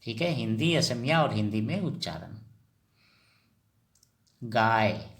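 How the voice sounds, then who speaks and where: A man teaching vocabulary in Hindi, repeating each word slowly and asking and answering his own questions as he addresses viewers as friends. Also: lowish voice, sing-song, fairly bright tone. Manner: slow and repetitive, drills each word. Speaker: language teacher.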